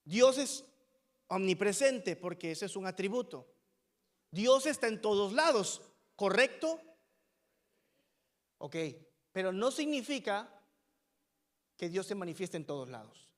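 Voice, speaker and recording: A man's voice: sits high, very animated, unhurried, pauses often, big-room sound. A male pastor preaching a sermon in a church, emphatic and full of rhetorical questions to the congregation. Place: church sanctuary.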